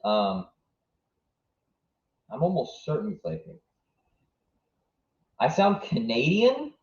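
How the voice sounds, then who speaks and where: Taking it slowly, this young southwest Virginia streamer speaks in a darkish, mid-range voice whose pitch swoops wildly. He reacts live to a match, rambling and thinking aloud as he answers chat, recorded with dull, echoing room sound.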